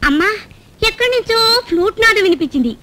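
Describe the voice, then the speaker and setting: A sharp-tongued daughter with cheeky comebacks. Her voice is very high and bright. She talks fast. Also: lively intonation, dry recording, heavily acted. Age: young adult. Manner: quick, cheeky retorts. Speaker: comic film character.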